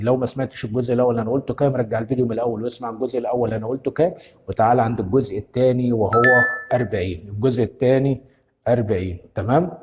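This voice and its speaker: A man with an Egyptian Arabic accent hosting a step-by-step phone tutorial, giving brisk instructions and constantly checking in with the viewer. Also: medium pitch, warm tone, in a large hall. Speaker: tech tutorial host.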